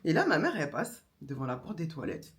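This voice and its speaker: A young woman vlogger, telling a story in a casual, animated way and acting out the others. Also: deep voice, a little fast. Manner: animated, slangy, acts out voices of others.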